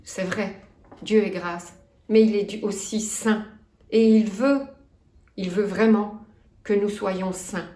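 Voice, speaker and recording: A woman in her fifties with a Belgian French accent, preaching a sermon in an earnest, measured way and reading scripture aloud. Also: mid-range voice, steady tone, mellow, roomy sound. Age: 50s. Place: church.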